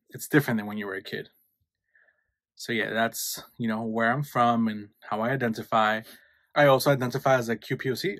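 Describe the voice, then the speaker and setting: A man's voice: medium pitch, fairly bright tone, dry recording. A man, chatting casually in a snack vlog and switching between English and Spanish. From New York, USA. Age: 20s. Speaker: YouTuber.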